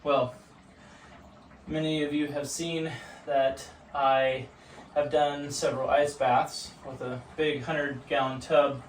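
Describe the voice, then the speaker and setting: A man's voice: mid-range voice, level tone, slow pace, far from the mic. A man talking casually and instructively to the camera while sitting in ice cold water in a home bathtub. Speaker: vlogger demonstrating ice baths. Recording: echoey bathroom, off-mic, water noise.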